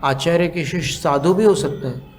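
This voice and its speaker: A monk giving a sermon, explaining slowly with long pauses, asking the audience questions and chanting scriptural verses in a drawn-out cadence. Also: male voice, a little high. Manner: asks the audience questions to teach. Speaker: monk giving a religious discourse.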